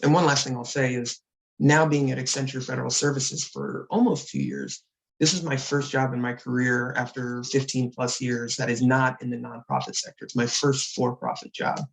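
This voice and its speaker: A man speaking on a panel about his career, in a reflective, measured way. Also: mid-range voice, fairly even intonation, creaky, poor audio. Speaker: panelist, consultant. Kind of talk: panel discussion.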